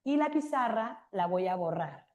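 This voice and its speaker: A woman's voice: medium pitch, expressive, moderate pace. A woman giving a classroom literature lecture, explaining points and often checking with rhetorical questions. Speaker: literature teacher.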